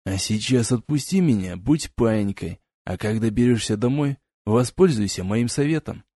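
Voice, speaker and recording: A man's voice: lowish voice, moderate pace, dark tone, no room sound, clean studio sound, natural voice. A man doing a cool stern young warrior.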